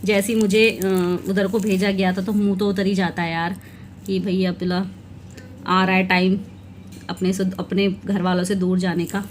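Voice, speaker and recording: A woman's voice: medium pitch, little pitch movement, moderate pace, slight background noise. A young woman vlogging in casual chat as she shows her wedding album, laughing now and then between remarks.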